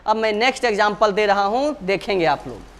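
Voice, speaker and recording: A man's voice: high voice, lively intonation, brisk, slight background noise. Man teaching math step by step. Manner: repeats steps, often addresses students as dear children.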